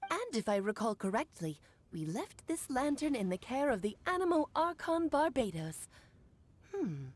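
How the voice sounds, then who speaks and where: A woman's voice: high-pitched, big pitch swings, moderate pace. An actress playing a playful, worldly mage mother in a video game, with a theatrical storytelling manner. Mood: playful, warm.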